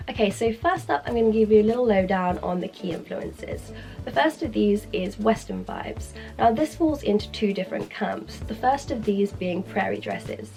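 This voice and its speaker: A woman's voice: mid-range voice, darkish tone. A British woman presenting a fashion guide in a chatty, informal way, her voice strained and sick-sounding from a sore throat. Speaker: fashion video creator. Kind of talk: upbeat scripted fashion guide to camera.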